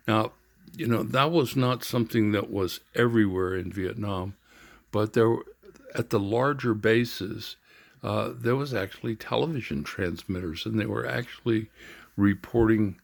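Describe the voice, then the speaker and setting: An older man telling his own story in an earnest, halting way, with frequent pauses and fillers. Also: on the low side, gravelly, no echo. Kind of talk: reflective personal storytelling.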